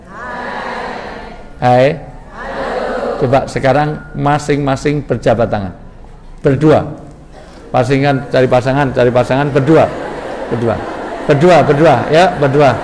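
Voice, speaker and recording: A man's voice: mid-range voice, noisy background. A man preaching an interactive mosque sermon, joking and directing his audience. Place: large mosque hall. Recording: reverberant hall with faint ambience.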